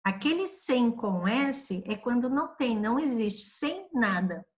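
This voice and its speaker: A woman's voice: on the high side, lively intonation. A woman from Brazil teaching a grade-school lesson review, patiently drawing out each example word for young pupils. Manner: patient, spells out examples slowly for children.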